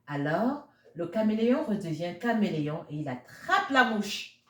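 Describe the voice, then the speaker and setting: Very animated and a bit bright, this children's storybook reader has a medium-pitched voice and reads at normal speed. She performs a picture book expressively for little ones, addressing them as friends, in a roomy, echoey recording.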